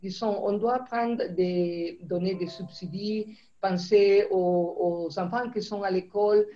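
A middle-aged woman with a foreign accent in French, not her native language, giving a halting briefing answer over a lo-fi video call. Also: medium pitch, fairly even intonation, mellow. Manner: halting, searching for words in non-native French. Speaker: food security official on a briefing panel. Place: indoor room, on a video call. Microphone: video call microphone.

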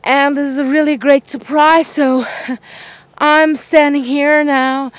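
Slow, soft-spoken woman vlogging on a walk. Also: sits high, level tone, no echo. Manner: gentle, reflective, many pauses and restarts. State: mild cold and tired; slightly out of breath from walking. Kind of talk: casual vlog while walking. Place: outdoors on an evening walk. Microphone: handheld camera.

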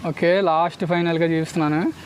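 A man's voice: fairly high pitch, fairly even intonation, quick pace, a little hiss or hum, low-quality recording. A man with a Telugu accent giving street performer patter for a card trick, mixing in English words and constantly checking that spectators follow. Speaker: street magician.

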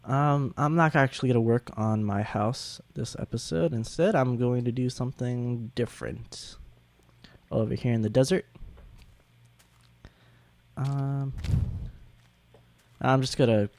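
A young man giving halting, casual gameplay commentary, sounding sick with a sore throat and swollen tonsils. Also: medium pitch, a little mellow, no echo. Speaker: gaming video host.

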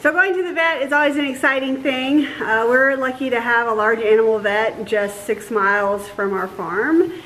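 A woman in her thirties, a dairy farmer co-hosting a casual farm vlog, explaining things in a relaxed way with fillers, filmed in an open barn by a nearby camera. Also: a little high, moderate pace, few pauses, a little hiss or hum, poor audio. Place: open-sided barn outdoors.

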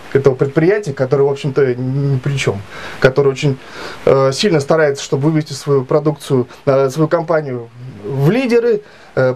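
A man in his late thirties telling a grievance story to camera in a halting, filler-heavy way. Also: fairly high pitch, darkish tone. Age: 30s. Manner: halting, many fillers and restarts, aggrieved retelling. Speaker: vlogger. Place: small indoor room.

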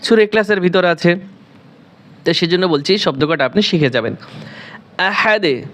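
A man teaching Quran reading in a slow, spelled-out lesson, drilling letters syllable by syllable and asking and answering his own questions. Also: high voice, expressive, fairly bright tone. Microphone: voice-over, face not shown.

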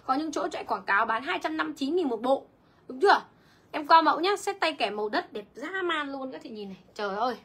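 A woman's voice: high voice, expressive, fairly quick, a bit bright. A young woman selling clothes on a livestream, chatty and reading viewer comments aloud. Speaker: online clothing seller. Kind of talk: livestream sales pitch.

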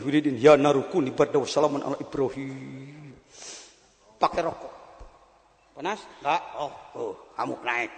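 An Islamic preacher with a somewhat high voice delivers an animated sermon to a gathering, swinging between loud exclamations and quiet asides. The recording carries a long hall reverb.

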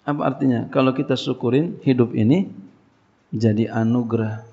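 Male preacher, gravelly, colloquial question-and-answer lecture, muffled low-fi audio. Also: normal speed, warm tone. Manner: colloquial, call-and-response questions. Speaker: pesantren teacher. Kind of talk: casual religious lecture. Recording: dull lo-fi lecture recording.

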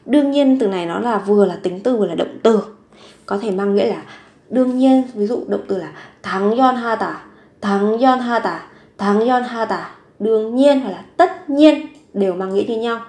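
A woman teaching Korean vocabulary, slowly repeating each word and example sentence. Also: a little high, darkish tone. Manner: slow, careful repetition of each word. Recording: echoey room.

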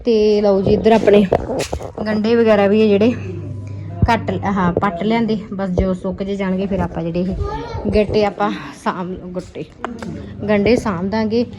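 A woman's voice: medium pitch, dull audio. A woman chatting casually in a home vlog, giving a running commentary on her household chores. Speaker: family vlogger and mother. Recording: noisy home recording with clicks.

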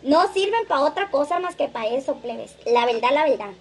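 High-voiced chatty woman streaming live. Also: lively intonation, normal speed, slight background noise. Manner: chatty, laughs often, reads comments aloud. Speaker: livestream host. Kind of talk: casual livestream chat reading comments.

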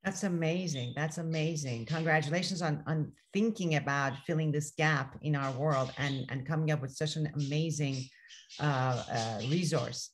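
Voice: medium pitch, normal speed, slight background noise. Enthusiastic moderator asking long questions. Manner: enthusiastic, hesitant with fillers. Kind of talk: panel discussion moderation.

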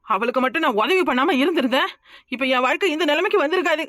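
A quarrelsome young village wife in a cartoon, played by a woman, pouring out her grievances. She talks high and quick in a stream of complaint. The recording is close and dry. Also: animated, a bit bright, no echo. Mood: lamenting. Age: young adult. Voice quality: rapid, complaining talk. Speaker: cartoon character. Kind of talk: cartoon voice acting.

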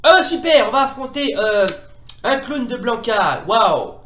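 A man commentating excitably as he plays a retro fighting game, often exclaiming and repeating himself. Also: very high voice, measured pace, reverberant. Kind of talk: playing while commentating.

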